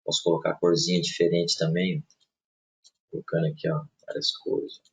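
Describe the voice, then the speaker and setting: A man, casually walking viewers through software in a live webinar, speaking softly and often checking in with his audience. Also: low-pitched, big pitch swings, moderate pace. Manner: casual, talks through clicks, many tag questions. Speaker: software trainer. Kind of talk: live webinar screen-share demo.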